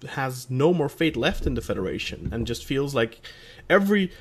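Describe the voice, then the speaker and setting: A man's voice: mid-range voice, expressive, normal speed, husky. A male podcast co-host talking football in a rambling, casual way, often restarting his sentences. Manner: rambling, restarts often, self-aware about stuttering.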